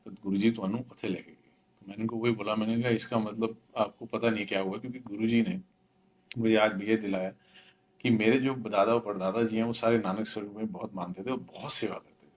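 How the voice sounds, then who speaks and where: A man's voice: on the low side, steady tone, fairly quick. A middle-aged man, earnestly telling a devotional story and mixing in English words. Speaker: devotee sharing his experience. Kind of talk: spoken devotional testimony.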